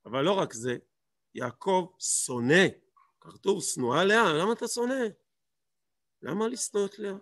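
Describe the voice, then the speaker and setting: High-voiced man teaching a Torah lesson. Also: lively intonation, pauses often, a bit bright, no echo, studio quality. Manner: emphatic, asks rhetorical questions and repeats words for stress.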